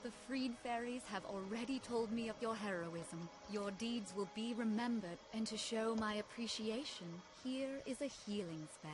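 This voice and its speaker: A woman's voice: fairly high pitch, moderate pace, hardly any pauses, natural voice, poor audio. A woman voicing a noble, caring fairy lady in a fantasy video game, formal and solemn. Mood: grateful, grave. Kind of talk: video game character acting.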